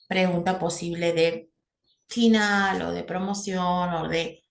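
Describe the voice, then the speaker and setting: A middle-aged woman lectures on English grammar, pausing constantly to ask her students if they follow. Her voice sits low and gravelly. The sound is echoey, with a faint hiss underneath. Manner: explanatory, checks in with a constant "¿sí?". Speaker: English teacher. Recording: echoey room with faint noise.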